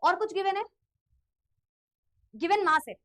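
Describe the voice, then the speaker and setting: A woman teaching a chemistry class online, lively, asking questions and answering them herself, and repeating key phrases slowly for students to copy. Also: extremely high pitch. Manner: asks and answers her own questions in students' voice.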